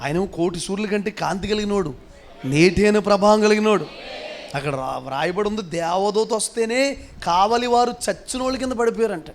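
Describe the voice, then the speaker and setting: A man with a high, bright voice preaches with a Telugu accent. He drops into quiet, chatty asides, then climbs into shouted, ringing declarations. A faint hum of room noise sits under his voice. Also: brisk. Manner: swings between soft asides and shouted declarations. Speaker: pastor. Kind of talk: Telugu sermon.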